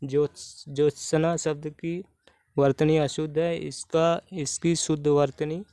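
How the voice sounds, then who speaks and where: A man's voice: on the high side, flat delivery, measured pace, dark tone, clear, resonant tone, no echo. A man teaching Hindi spelling for exam preparation, going through questions methodically and repeating each answer. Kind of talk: explaining spelling questions step by step.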